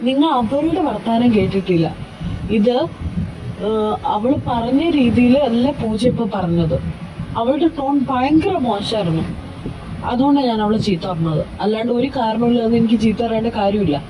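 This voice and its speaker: A blunt, hot-tempered young man, acted by a woman in a fan audio drama, talking back stubbornly and defensively. The voice sits a little high. A clear hiss of noise runs underneath. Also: expressive, normal speed, close to an everyday voice. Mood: irritated.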